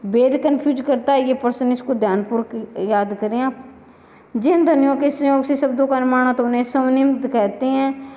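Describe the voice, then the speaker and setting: Female grammar teacher, fairly high voice, drills exam questions in a reverberant room. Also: steady tone, brisk, warm tone. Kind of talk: exam-prep lecture.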